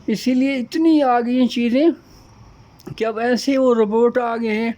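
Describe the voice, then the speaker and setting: A man's voice: very high-pitched, fairly even intonation, dark tone. A man giving a casual, rambling monologue as host, piling up repeated phrases and lists.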